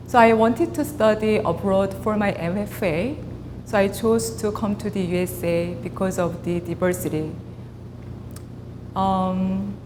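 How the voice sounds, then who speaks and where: Korean-accented woman in a reverberant hall. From South Korea. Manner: measured, with pauses and fillers. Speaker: artist. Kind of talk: prepared artist talk. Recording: reverberant hall with clear rumble.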